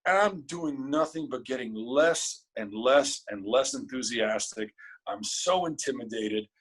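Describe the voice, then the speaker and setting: A man, a guest in an interview, telling a story in a casual, animated and emotional way, cursing freely. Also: mid-range voice, measured pace, breathy edge, rough recording.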